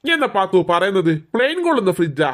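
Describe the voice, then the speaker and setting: A woman voicing an exasperated middle-aged husband in a cartoon, scolding quickly. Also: medium pitch, sing-song, lightly acted. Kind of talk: cartoon voice acting.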